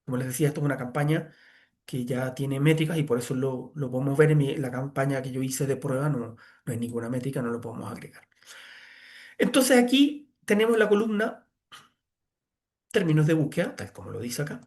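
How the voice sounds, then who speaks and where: A man's voice: medium pitch, expressive, brisk, a little mellow. A man giving a screen-share tutorial as an online course instructor, talking conversationally with many "eh" fillers.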